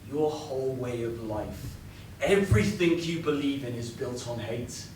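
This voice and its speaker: A man's voice: medium pitch, animated, measured pace, darkish tone, a little hiss or hum, close to an everyday voice. A man playing a hardened British soldier. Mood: scornful. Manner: blunt, heated, clipped soldier talk. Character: stern hardened male British soldier guarding prisoner. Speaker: stage actor. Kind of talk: stage play acting. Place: theatre stage. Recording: echoey room from far off.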